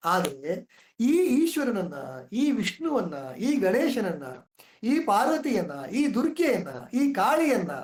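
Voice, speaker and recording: A woman's voice: medium pitch, a little mellow, reverberant. A woman explains classical verse in a conversational way, asking listeners rhetorical questions. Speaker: poetry explainer.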